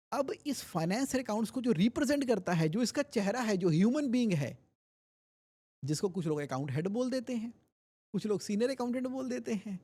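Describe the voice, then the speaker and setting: Animated man with a mellow voice explaining finance. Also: high-pitched. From India. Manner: animated, uses homely examples and repetition. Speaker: guest finance expert. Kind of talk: explanatory podcast interview.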